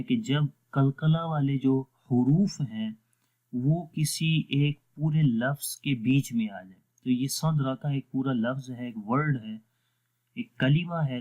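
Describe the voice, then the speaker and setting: A man gives an online lesson on Quran recitation rules. His voice sits at an ordinary middle pitch. He explains patiently and step by step, slowing right down to model each recited word. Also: a little mellow, low-quality recording.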